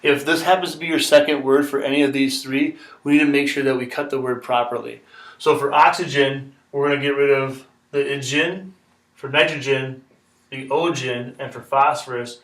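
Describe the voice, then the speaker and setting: A man's voice: mid-range voice, fairly even intonation, normal speed, a bit bright. Male teacher, patient step-by-step explainer; echoey classroom, distant mic. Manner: patient, repeats steps, checks in with "okay?". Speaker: chemistry teacher. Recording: echoey room, mic far off.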